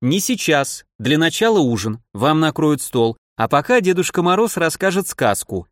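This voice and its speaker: A man putting on a brisk, bossy young mother. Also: fairly high pitch, sing-song, dry recording, studio quality, pitched above the performer's own voice. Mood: firm.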